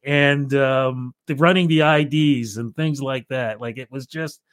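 A man's voice: mid-range voice, measured pace, no room sound, clean studio sound. A middle-aged Canadian man, a radio reporter, telling stories as an interview guest and acting out both voices of remembered phone calls. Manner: animated storyteller who acts out both sides of remembered phone calls. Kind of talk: casual storytelling in an interview.

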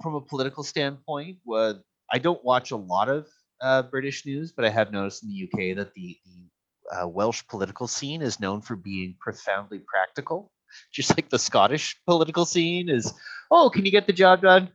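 Casting: male co-host for informal news chat, swooping expressive delivery, emphatic, recorded a little dull and lo-fi. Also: mid-range voice, moderate pace. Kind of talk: casual news commentary. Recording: slightly dull, lo-fi sound.

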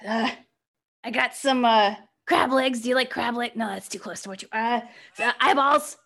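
A woman's voice: on the high side, fairly even intonation, normal speed, a bit bright. A woman playing a tabletop game, talking hesitantly with many ums. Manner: hesitant, giggly. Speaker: player. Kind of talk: casual game play.

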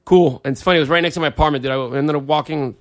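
A middle-aged man in casual chat, telling excitable stories and calling everyone dude. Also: on the high side, very fast. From United States. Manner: excitable storytelling, says dude a lot.

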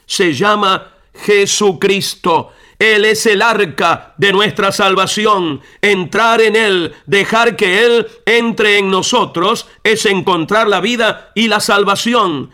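Slow, bright-voiced male radio preacher. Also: sits high. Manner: earnest, direct appeal to the listener. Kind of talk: devotional radio sermon with storytelling.

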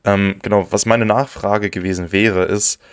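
A man's voice: fairly low pitch, steady tone, moderate pace, smooth, no echo, studio quality. A man hosting a casual podcast interview, asking long, hesitant questions full of restarts. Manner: hesitant, many fillers and restarts while forming questions. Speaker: podcast host.

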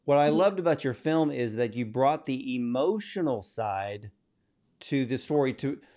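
A man conducts an interview at an even, measured pace, building up long questions. He praises the work openly before he puts the question to his guest. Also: mid-range voice.

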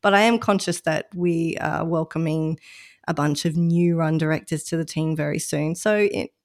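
A woman with a low-pitched, steady voice talks at a normal pace while co-hosting a podcast. She is a run director who chats casually and reflectively about her volunteer role, with a self-deprecating streak.

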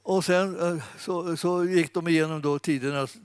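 A man giving an informal sermon, chatty and animated, speaking straight to his listeners. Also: a little high, clear, resonant tone, no room sound. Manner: conversational, animated, fillers and restarts, addresses audience. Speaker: preacher.

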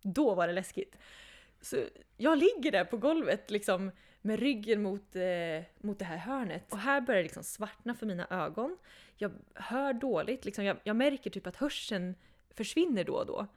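A young woman, a podcast guest, telling a personal story in a casual, animated way, often laughing and acting out what people said. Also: mid-range voice.

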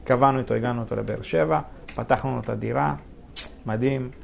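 A man with a gravelly, fry-laden voice tells stories as a guest on a real estate interview. He talks animatedly, laughing as he goes and acting out both sides of the conversations he describes. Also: medium pitch. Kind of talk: casual storytelling interview.

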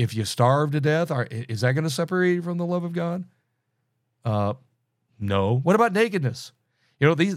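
A man's voice: medium pitch, darkish tone, no echo, clean studio sound. Man teaching Bible with rhetorical questions. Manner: conversational, many restarts, asks rhetorical questions.

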